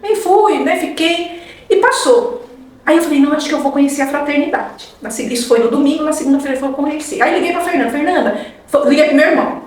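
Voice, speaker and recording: A middle-aged woman, a guest telling her faith testimony in a lively way and acting out what people said. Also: high-pitched, fast talker. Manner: lively storyteller acting out quoted dialogue. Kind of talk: testimony in a podcast conversation. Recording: very echoey room, mic far off.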